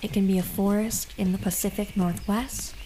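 A woman host narrating a scripted guided meditation in a calm, gentle, soothing and unhurried manner. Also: medium pitch, slight background noise. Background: background music.

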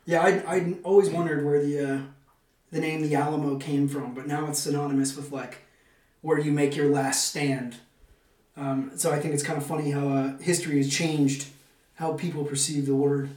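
High-voiced man hosting in an echoey room. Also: little pitch movement, moderate pace, a little mellow. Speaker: podcast host. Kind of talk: semi-scripted podcast narration with casual banter. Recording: roomy echo, distant microphone.

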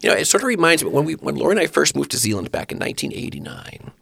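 A middle-aged man with a hoarse, weak voice hosting a podcast chat, joking about himself as he talks. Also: on the high side, huge pitch swings, very fast, fairly bright tone, no echo. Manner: joking, self-deprecating. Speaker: podcast host. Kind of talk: casual chat.

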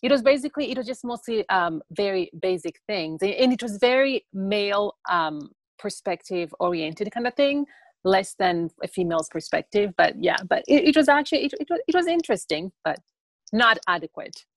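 A woman's voice: mid-range voice, expressive, normal speed, no room sound. A young woman from Tanzania, a guest in a casual interview, who talks in a rambling way with many fillers.

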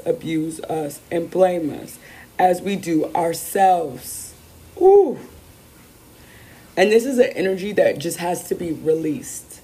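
A woman hosting a spiritual card reading, with a voice worn rough from a weekend of celebrating, speaking in an emphatic, affirming way and repeating her phrases. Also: fairly low pitch, warm tone. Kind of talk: upbeat spiritual talk, weekly card reading.

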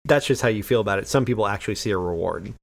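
A man's voice: on the low side, gravelly. A man co-hosting a casual conversation, joking and poking fun at himself. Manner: quick, jokey, self-mocking. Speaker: podcast co-host.

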